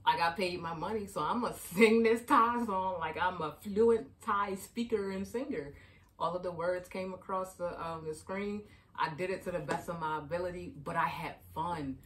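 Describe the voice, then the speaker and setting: In a casual advice vlog, a young adult life coach from Baltimore chats and shares stories about healing your inner child, peppering her talk with "you know what I mean." Her voice is lowish and a bit bright, at a normal speed, picked up by a distant mic.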